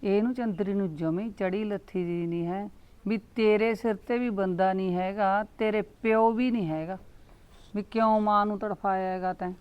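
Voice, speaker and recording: A woman's voice: mid-range voice, fairly even intonation, normal speed, smooth, lo-fi sound, natural voice. A middle-aged woman playing a chatty, meddling village aunty who coaxes and advises her neighbors. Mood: musing. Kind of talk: village comedy skit acting.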